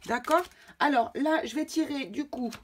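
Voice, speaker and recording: A woman's voice: sits high, moderate pace. Hesitant French woman reading tarot cards. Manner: hesitant, repeats words, many fillers. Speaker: tarot card reader. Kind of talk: casual tarot reading video.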